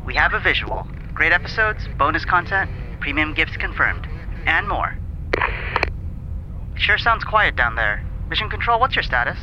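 A man's voice: on the high side, big pitch swings, normal speed. A man voicing an astronaut calling in from a rocket ship over a crackly spacecraft radio communicator, with clipped radio-protocol delivery. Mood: clipped, official. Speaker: voice actor in a promo. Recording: muffled lo-fi radio with loud static.

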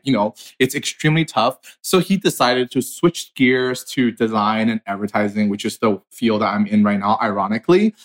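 Man from China, thirties, mid pitch, earnest, storytelling, casual chat. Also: fairly bright tone. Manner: earnest, storytelling, frequent fillers. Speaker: artist and designer. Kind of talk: casual conversation.

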